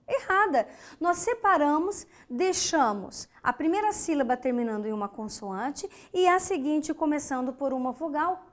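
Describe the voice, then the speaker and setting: In a high voice with lively intonation, a Brazilian woman teaches grammar online. She takes her time, stresses each syllable as she spells words out, and poses rhetorical questions to her students, all in a Brazilian Portuguese accent.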